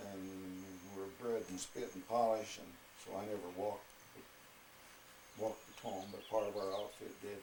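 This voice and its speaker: An elderly man, a veteran, looks back on his army service in an interview. His voice is on the low side and he speaks haltingly, feeling his way through the memories. The room rings with echo and there is a faint noise behind him. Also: a little mellow. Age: 80s. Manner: old veteran remembering, halting and unhurried. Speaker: military veteran being interviewed. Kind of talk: recalling wartime service in an interview.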